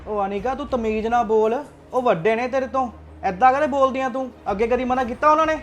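A man's voice: very high-pitched, quick pace, soft background music. A Punjabi-accented man playing a polite, conciliatory younger brother. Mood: reproving. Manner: mild, placating.

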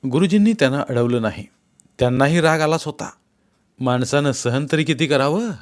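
A man narrating a story aloud in an expressive, measured reading style. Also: on the high side. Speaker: audiobook narrator.

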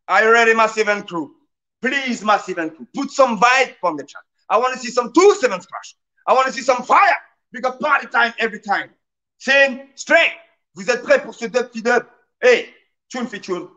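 A man's voice: very high-pitched, bright, forceful tone. A man hosting a live radio show, joking and teasing while reading out the chat. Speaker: radio host.

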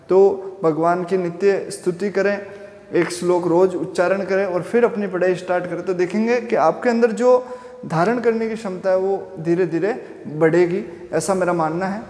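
A man's voice: high voice, a little mellow, reverberant, in a large hall. A man teaching a physics lesson, explaining step by step and asking the class questions as he goes. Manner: chants Sanskrit verses slowly. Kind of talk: classroom lecture.

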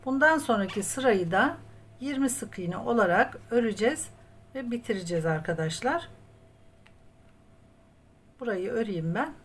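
In a slightly high, expressive voice, a woman walks viewers through a crochet project step by step at a moderate pace, pausing often. She counts stitches aloud while working and addresses her audience as friends. The recording carries clear background noise and room ambience.

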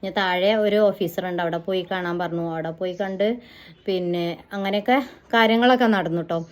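A middle-aged woman talks quickly and casually straight to her viewers. Her storytelling rambles from one detail to the next, and she keeps checking in with her audience as she goes. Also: fairly low pitch, steady tone. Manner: chatty, rambling, often ends with "kettō". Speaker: family vlogger.

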